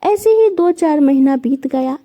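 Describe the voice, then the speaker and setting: A woman's voice: sits high, expressive, a little slow, dark tone. A woman narrating a moral family story in a plain, simple retelling style.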